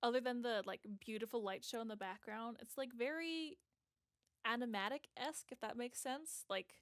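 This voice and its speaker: A woman's voice: on the high side, normal speed, a bit bright, dry recording, studio quality. A woman hosting a reaction video, rambling casually, filling her talk with "like" and "if that makes sense" as she searches for words. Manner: thinks aloud, searching for words.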